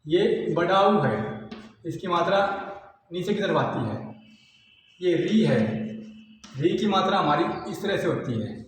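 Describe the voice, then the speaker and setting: A man's voice: sits high, animated, unhurried, long pauses, slight background noise. A man giving a patient classroom lesson and explaining step by step with repeated examples. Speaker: teacher. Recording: echoey hall, voice from far off.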